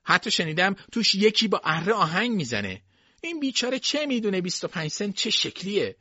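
Brief: man voicing an eager teenage boy, high and lively, always hurrying others; lo-fi read. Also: slightly rough, no echo, exaggerated voice. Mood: urgent. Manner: pleading and urgent. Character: eager teenage servant boy hunting a lost coin.

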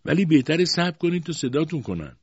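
Guy doing a cold bossy old aunt, high and sharp, mocking, husky tone, flat dry lo-fi sound. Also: dry recording, exaggerated voice. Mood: cold, stern. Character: stern, harsh older spinster aunt, woman. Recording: dull lo-fi dry recording.

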